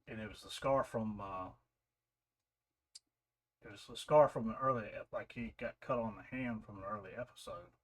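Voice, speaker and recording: Man, lowish voice, casual show review, loose rambling recap, lots of restarts. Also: moderate pace, long pauses. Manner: rambling, loose retelling with many fillers and restarts.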